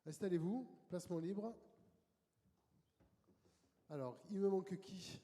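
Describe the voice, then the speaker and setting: A man moderating a conference session, introducing speakers in a lively, welcoming way. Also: high voice, slow. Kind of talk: event moderation. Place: conference hall. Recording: conference hall reverb.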